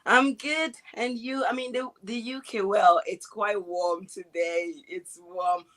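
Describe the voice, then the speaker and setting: A woman in her twenties from Ghana, a guest chatting casually on a video call, relaxed and hesitant, with many fillers and restarts. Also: medium pitch, slow. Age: 20s. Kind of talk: casual interview chat.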